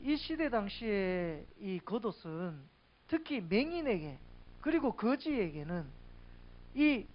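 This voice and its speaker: A woman's voice: mid-range voice, highs cut off. A woman preaching a sermon in a conversational way, asking the congregation questions.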